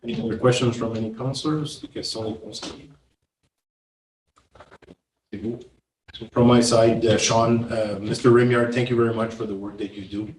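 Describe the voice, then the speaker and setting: A man chairs a council meeting, measured and courteous, with frequent hesitations. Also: mid-range voice, steady tone, darkish tone, slight background noise. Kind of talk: formal council proceedings, switching to French. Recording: echoey council chamber, mic at a distance.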